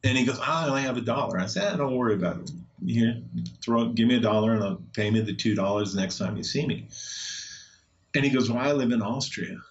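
A man's voice: medium pitch, a little fast, muffled recording. Laid-back sarcastic Texan man. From Texas. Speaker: guest. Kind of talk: casual storytelling chat.

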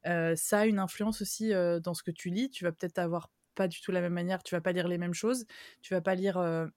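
A woman with a Vendée accent hosts a podcast in loose, chatty talk, her voice tired and slightly strained. Her pitch sits rather low and the sound is dry and close. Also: fairly quick, dry recording. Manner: chatty, lively, laughs often. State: tired voice, throat worn. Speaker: podcast host. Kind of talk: casual podcast chat.

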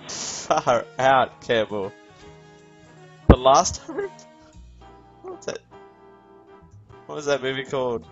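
A man's voice: medium pitch, fairly bright tone, dull audio. A man hosting a casual film review, rambling and correcting himself as he talks to his audience. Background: faint background music.

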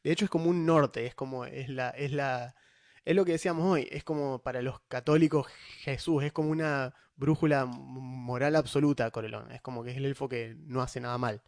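Animated man with a Rioplatense accent. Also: mid-range voice, fairly quick, vocal fry, dry recording, studio quality. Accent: Rioplatense Spanish. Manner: animated, explanatory, with many restarts. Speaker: podcast host discussing tabletop lore. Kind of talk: casual chat.

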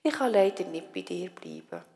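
A woman's voice: lowish voice, huge pitch swings, normal speed, gravelly, mellow, big-room sound, exaggerated voice. A woman voicing a homesick young male bunny who speaks earnestly. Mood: regretful.

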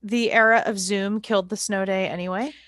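A woman's voice: mid-range voice, a little fast, no room sound, clean studio sound. A woman co-hosting a podcast in casual chat, encouraging and telling stories with animation. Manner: warmly encouraging, animated storyteller. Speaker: podcast co-host.

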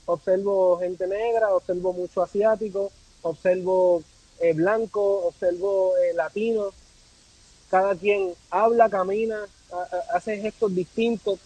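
A Puerto Rican man with a Puerto Rican accent, a travel content creator, guests on a casual conversational podcast, reflective and repeating phrases to stress them. He has a high-pitched, slightly rough voice with a dark tone, in a low-quality recording with no echo.

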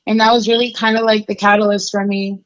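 This young woman from Mexico talks fast and flatly in a medium-pitched voice, and the audio is dull. As an interview guest, she tells her life story in a casual, candid way with many fillers.

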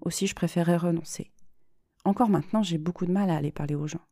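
A woman's voice: on the low side, quick pace, creaky, dark tone, no echo, clean studio sound. A woman reading the part of an anxious, shy young woman who confides her fears hesitantly to a therapist. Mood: anxious confiding. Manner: hesitant, self-doubting confiding.

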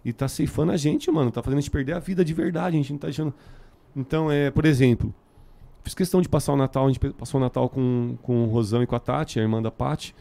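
A man with a São Paulo Brazilian Portuguese accent talks very fast in a mellow, softened tone at an average pitch. His speech is casual and packed with street slang, in the loose style of a podcast chat. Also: fairly even intonation, gravelly. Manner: heavily slangy, filler-laden street talk. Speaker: band musician, interview guest.

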